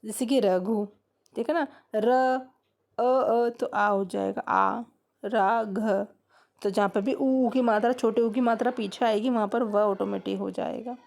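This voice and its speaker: A woman teaching a grammar lesson at an unhurried pace, her voice a little higher than most. She breaks each word down step by step and keeps asking her students questions. A gravelly creak runs through her speech. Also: fairly even intonation, darkish tone.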